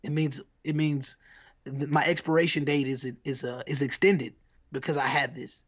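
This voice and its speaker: A man's voice: fairly high pitch, fairly even intonation, moderate pace, highs cut off. Slangy American man, rambling podcast chat. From United States. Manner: rambling and slangy, full of restarts. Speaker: podcast co-host. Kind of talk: casual chat.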